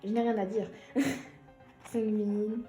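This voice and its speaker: A young woman chatting excitedly and giggling as she unboxes an album for her vlog. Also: mid-range voice, drawn-out words, reverberant, soft background music.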